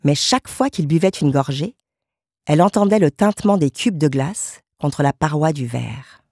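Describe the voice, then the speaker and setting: A woman narrating a literary short story in a calm, measured way. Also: sits low, husky, dry recording, studio quality. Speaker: audiobook narrator.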